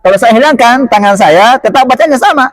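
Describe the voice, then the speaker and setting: A man teaching Quran recitation rules, slowly modelling each word several times and asking the listeners quick questions. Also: very high voice, expressive. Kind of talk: tajwid lesson.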